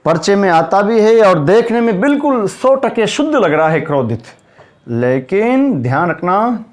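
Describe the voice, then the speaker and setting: A man's voice: high voice, sing-song. A man teaching a spoken grammar lesson, stressing and repeating each correct word form and speaking straight to his students. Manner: emphatic, repeats correct word forms slowly; addresses students directly, asks and answers himself.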